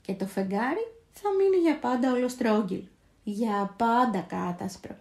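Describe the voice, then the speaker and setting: A woman's voice: on the high side, lively intonation, a little mellow, echoey room. A woman voicing a small, eager young male moon-coverer in a storybook tale, who talks earnestly and cries out with all his strength. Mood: worried pleading.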